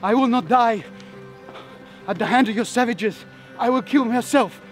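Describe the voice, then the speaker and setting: A proud, defiant Frenchman with an exaggerated French accent, as a man puts him on while telling a joke. The voice rises high and a little distant. Faint music plays behind. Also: moderate pace, close to an everyday voice. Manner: put-on French accent, dramatic.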